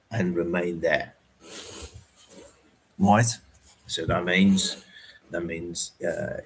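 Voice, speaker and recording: Male streamer, deep and unhurried, filler-heavy, keeps checking in with "right?". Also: darkish tone, rough recording. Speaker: trading educator. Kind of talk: unscripted livestream talk.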